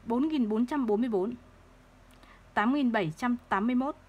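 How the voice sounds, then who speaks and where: A woman teaching third-grade math, explaining place values slowly and patiently and repeating each number. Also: on the high side, breathy edge, muffled recording. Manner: slow, patient, repeats numbers to drill them.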